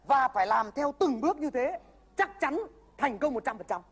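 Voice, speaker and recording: A woman's voice: high-pitched, big pitch swings, normal speed, husky, exaggerated voice. A woman playing a cocky, bossy older-brother mentor who lectures. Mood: lecturing. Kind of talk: comedy sketch acting.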